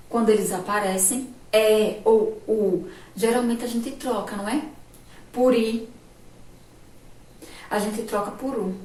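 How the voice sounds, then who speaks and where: A woman teacher with a Sergipe Brazilian accent leads a remote spelling lesson for small children, speaking slowly and gently checking that they follow. Her voice echoes around the room. She sits some way back from the mic. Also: mid-range voice, distant mic, a little hiss or hum. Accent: Sergipe Brazilian Portuguese. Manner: slow, patient, asks checking questions. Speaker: primary school teacher.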